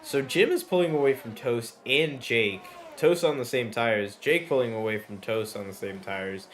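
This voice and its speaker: A man's voice: medium pitch, normal speed. A man giving live motorsport commentary on an online race, following the action in short running phrases. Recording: clearly noisy background.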